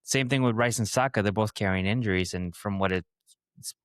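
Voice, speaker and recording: Male podcast co-host, low register, close dry mic, rambling casual delivery. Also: normal speed, a bit bright, no room sound. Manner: rambling, thinks aloud with fillers. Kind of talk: casual football chat.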